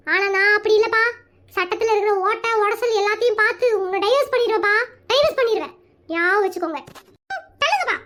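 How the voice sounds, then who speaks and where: A woman's voice: very high-pitched, fast talker, fairly bright tone. A woman voicing a cheeky, dramatic young boy in a cartoon comedy, speaking with a rural Tamil Nadu accent and a whiny, pleading manner. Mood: sassy. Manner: whiny, pleading, mock-threatening.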